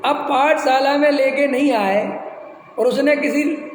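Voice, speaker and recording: A man giving a spiritual discourse, mocking and teasing with rhetorical questions and quick imitations. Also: very high voice. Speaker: Jain spiritual teacher. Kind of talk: discourse lecture. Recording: echoey hall, faint noise.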